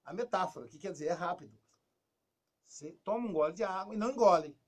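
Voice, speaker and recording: This husky-voiced man talks fast, giving casual advice on a talk show in a Brazilian Portuguese accent. Lively throughout, he acts out quotes and lowers his voice to something soft and low.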